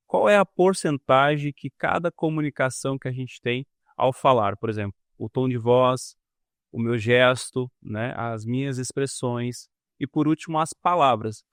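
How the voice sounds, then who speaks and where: Podcast host, male, mid-pitched, guiding tone, dry close sound. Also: a bit bright, no room sound. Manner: guiding, addresses listeners with tips. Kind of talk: casual conversational podcast.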